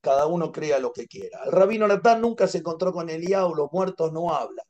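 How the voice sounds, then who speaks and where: Argentine guy teaching over a video call, mellow tone, slightly high voice, tells it like a story. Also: brisk, highs cut off. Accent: Argentine Spanish. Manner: animated storytelling, repeats phrases for emphasis.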